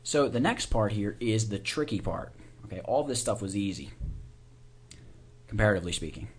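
A man teaching software in a casual screencast, informally talking through each click and keystroke as he does it. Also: lowish voice, animated, moderate pace, breathy edge. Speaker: software tutorial instructor. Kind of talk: casual step-by-step screencast tutorial.

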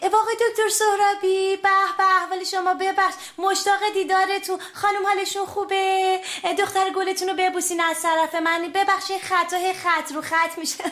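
A chatty, fussy woman with a very high, bright voice. She talks fast and keeps apologizing, in a sitcom way. A faint hiss sits under her voice. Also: level tone. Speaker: office secretary. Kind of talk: sitcom comedy acting.

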